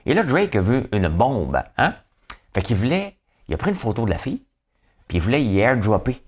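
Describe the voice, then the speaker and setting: A man's voice: mid-range voice, wildly swooping pitch, moderate pace, a little mellow, husky. A man with a Québécois French accent doing casual, rambling commentary on the day's news, often talking straight to his viewers and asking them questions. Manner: rambling, talks to viewers, asks them questions, hums songs. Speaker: host of a daily news chat.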